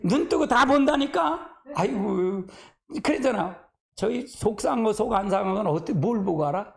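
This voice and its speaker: Delivering a sermon at normal speed, a pastor uses a high-pitched, gravelly voice with lively intonation. He's homespun and conversational, sighs frequently, and calls on the congregation for responses.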